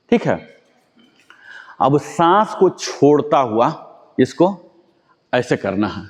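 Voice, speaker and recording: A man's voice: a little high, dull audio. A man leading a yoga class. He gives step-by-step commands to the group and puts rhetorical questions to his students. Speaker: yoga instructor. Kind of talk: guided exercise class. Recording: long reverb.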